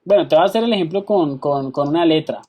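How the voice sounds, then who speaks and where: A man teaching an online software class. He patiently explains each step and keeps checking in with his students over a video call. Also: fairly high pitch, quick pace.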